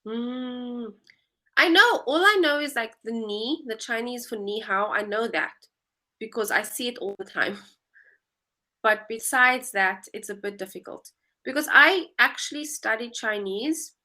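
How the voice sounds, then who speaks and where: On a relaxed video call, a twenty-something English tutor with a South African accent patiently walks through explanations. She speaks at a measured pace in a fairly high, bright voice that sounds pushed.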